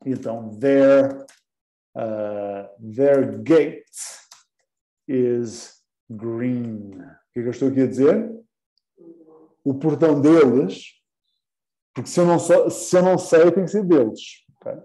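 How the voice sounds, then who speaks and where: A man's voice: medium pitch, slow, pauses often, dark tone, reverberant, low-quality recording. A man teaching an English class live, patiently repeating words and quizzing his students.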